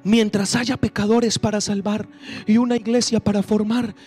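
A man pastor preaching a sermon, dropping to hushed, slow phrases and then rising to shouted bursts. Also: sits high, level tone, soft background music.

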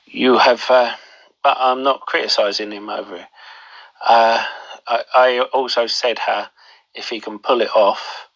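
A man hosting a money show, giving informal stock market commentary in halting pieces, his voice thick with a cold and sore, swollen throat. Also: mid-range voice, steady tone, fairly bright tone, lo-fi sound.

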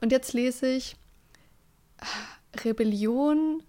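A woman's voice: sits high, drawn-out words, dark tone. A young woman co-hosting a podcast in casual chat, talking freely with frequent small laughs and filler words. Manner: chatty, laughs often, trails off with fillers. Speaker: podcast co-host.

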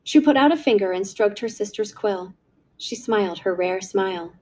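A woman narrating a classic short story aloud in a scripted, expressive storytelling reading. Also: mid-range voice, normal speed.

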